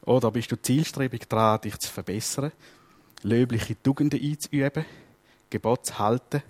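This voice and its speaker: A man with a Swiss German accent preaching a sermon, telling stories in a lively way and acting out voices. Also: mid-range voice, normal speed.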